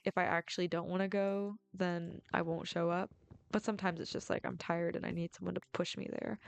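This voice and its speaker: This young adult woman, a film student, keeps up casual, rambling gameplay chat full of "like." Her voice is medium in pitch and creaky.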